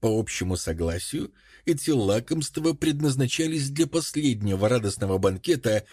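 Audiobook narrator, male, steady measured delivery, medium pitch. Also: breathy edge, dry recording, clean studio sound.

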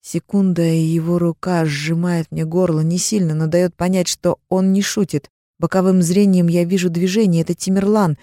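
A woman's voice: on the low side, level tone, moderate pace, dark tone, dry recording, studio quality. Woman narrating a tense audiobook. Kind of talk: first-person audiobook narration.

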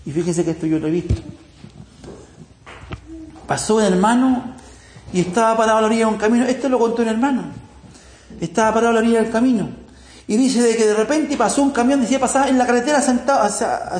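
Chilean preacher telling folksy stories. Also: male voice, extremely high pitch, fast talker, a little mellow. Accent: Chilean Spanish. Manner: folksy, chuckling anecdotes with acted-out voices. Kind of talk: sermon with storytelling. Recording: echoey room, faint ambient noise.

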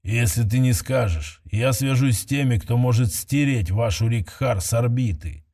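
A man voicing a cold, menacing male cyborg leader in a storybook, speaking level, quiet and slow. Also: medium pitch, natural voice.

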